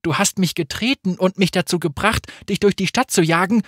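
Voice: mid-range voice, a little fast, a bit bright, no echo, voice pushed up, lightly acted. A hardened young woman fighter, blunt and commanding, as the narrator puts her on. Her lines are clipped, firm and impatient, sitting a step above the narrating voice. The recording is close and dry. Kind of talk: audiobook character voice.

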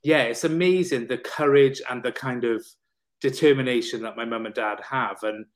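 Male podcast guest, mid-pitched, candid and emotional, rambling with fillers and restarts. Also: normal speed. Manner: open, emotional, casually swearing, many fillers and restarts. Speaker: podcast guest, personal trainer and counsellor. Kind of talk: candid conversational storytelling.

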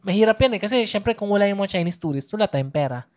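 A woman's voice: mid-range voice, expressive, fast talker, a little mellow. A woman in casual conversation, chatty and thinking aloud, mixing English into her sentences. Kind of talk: casual chat.

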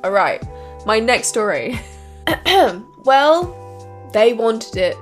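A woman podcast host with a high, very animated voice. She takes her time and has a giggly way of talking, with music playing behind her. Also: very slow. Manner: giggly, laughs through sentences. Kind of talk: casual podcast chat and reading out odd news stories.

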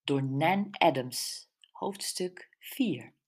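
Slow, measured woman narrator. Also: low voice, expressive. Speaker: audiobook narrator. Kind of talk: scripted narration of a mystery novel.

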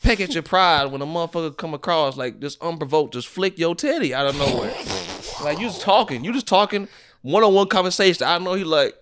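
A young man co-hosting a podcast, telling stories in an excitable, laughing way. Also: on the high side, brisk, smooth. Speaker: podcast co-host. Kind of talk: casual chat.

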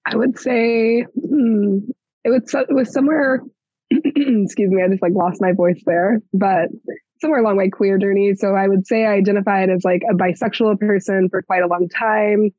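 A woman's voice: medium pitch, fairly even intonation, normal speed, warm tone, no echo. A woman guest on a podcast in casual chat, reflective and easygoing, with many fillers. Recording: slightly dull lo-fi sound.

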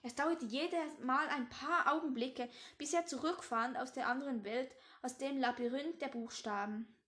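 A teenage girl with a high voice reads a novel aloud at her own unhurried pace. She trips over words now and then and goes back to fix them. Between passages she rambles casually to her listeners. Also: a bit bright. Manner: stumbles and restarts on words. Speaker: reader.

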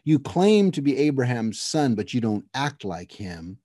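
A male preacher delivering a sermon who speaks straight to his listeners and slows right down to stress verses. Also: medium pitch, very animated, warm tone, no room sound, clean studio sound. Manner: emphatic, addresses the listeners directly; slows down to stress scripture phrases.

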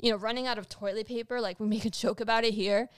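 A woman co-hosting a casual political podcast, talking in an animated, rambling way with many restarts. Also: on the high side, fast talker, clear, resonant tone, no room sound, studio quality. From Latin America. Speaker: podcast co-host.

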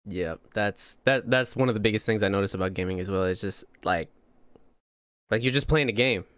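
Laid-back low-voiced young man, dry sound. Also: fairly quick, a bit bright, smooth, dry recording. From Indiana, USA. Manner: laid-back, slangy ("that's dope", "man"). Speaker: interview host. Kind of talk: casual interview conversation.

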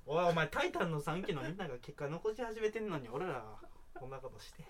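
A young man with a Kansai accent, co-hosting a comedy duo's podcast with teasing banter and loud mock outbursts. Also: on the high side, big pitch swings, fast, a little hiss or hum. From Hyogo, Japan. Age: young adult. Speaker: comedy duo podcast co-host.

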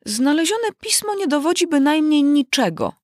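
A woman reading aloud and voicing a stubborn, clever little girl with a high, lively voice. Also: moderate pace, no echo, studio quality. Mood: insistent.

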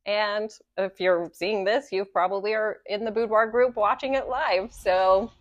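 A woman's voice: medium pitch, steady tone, measured pace, lo-fi sound. A young woman hosting her own podcast in casual chat, bubbly, blunt and teasing. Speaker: podcast host. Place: live-streamed podcast recording.

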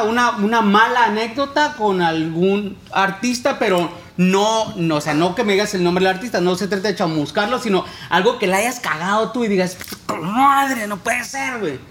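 A man's voice: sits high, moderate pace, a bit bright, slight background noise. A man with a Mexican Spanish accent hosting a podcast, asking questions in a joking, teasing way. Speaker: podcast host. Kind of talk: casual podcast chat.

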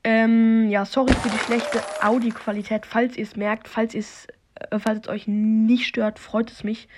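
Woman on a noisy, low-quality phone mic. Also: flat delivery, unhurried. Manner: slangy, swears, talks to herself and her listeners. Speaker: podcast host playing a video game. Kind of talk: casual live game commentary. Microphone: phone microphone.

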